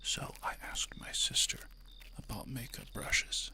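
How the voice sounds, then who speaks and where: A man whispering casual, chatty ASMR into a close microphone, breathy and soft, with self-amused asides. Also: a little slow. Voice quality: breathy whisper with creaky edges. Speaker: ASMR artist and host. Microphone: close microphone through an audio interface.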